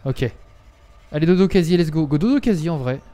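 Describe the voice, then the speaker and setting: A man's voice: a little high, expressive, a little fast, mellow. A young man streaming a game live, chatting to his viewers and bursting into dramatic yelps when scared. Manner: talks to viewers and game characters. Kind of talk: live gameplay commentary.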